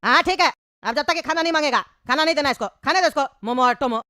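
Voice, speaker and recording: A woman as a fed-up, scolding dad, high animated voice, noisy track. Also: fast, lightly acted. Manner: scolding, exasperated. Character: scolding exasperated father. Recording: loud background noise.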